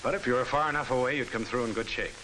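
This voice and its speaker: A man's voice: mid-range voice, steady tone, very fast, noisy background, natural voice. A man playing a blunt military instructor in a 1950 civil defense training film, with an American accent and slangy, scripted delivery. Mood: blunt, reassuring. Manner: blunt, slangy, hard-boiled. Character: blunt, wisecracking military instructor drilling servicemen. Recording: vintage 1950 film soundtrack with music.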